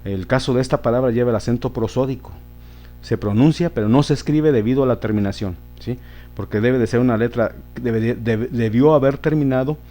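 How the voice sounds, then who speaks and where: A man's voice: medium pitch, mellow. A man teaching a grammar lesson, patiently repeating words and checking in with his listeners.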